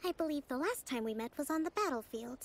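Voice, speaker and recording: In scripted video game dialogue, a woman plays a poised, firm young island leader, talking politely and articulately like a diplomat. Her voice sits high, and she is expressive and speaks fast.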